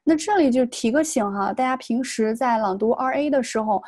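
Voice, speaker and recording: Mellow-voiced woman tutoring English pronunciation. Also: fairly high pitch, no room sound. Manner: patient, explanatory, models English words slowly. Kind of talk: online exam-prep lesson.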